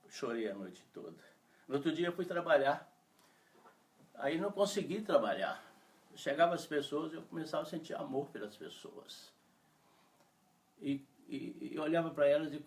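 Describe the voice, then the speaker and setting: A pastor from Brazil preaching a testimony, his voice rising and falling with emotion as he acts out the people in his story. He is heard from some way off the microphone, at a middling pitch, in a church setting. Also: a little mellow. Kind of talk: sermon testimony. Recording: voice from far off the mic.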